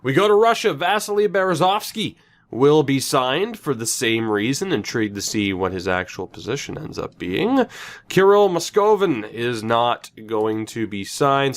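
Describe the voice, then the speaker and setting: A young man talks through his football management game in a relaxed, chatty way. He pokes fun at himself and drops quick asides as he goes. His voice sits at an ordinary middle pitch. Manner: chatty, self-mocking, lively asides. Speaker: gaming commentator. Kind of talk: casual game commentary.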